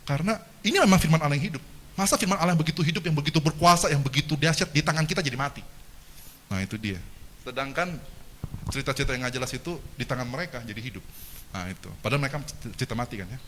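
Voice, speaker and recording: A man giving a lively seminar lecture, asking the audience questions and joking with them. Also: a little high, rapid-fire, slight background noise. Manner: animated, engages the audience with questions and jokes. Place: lecture hall.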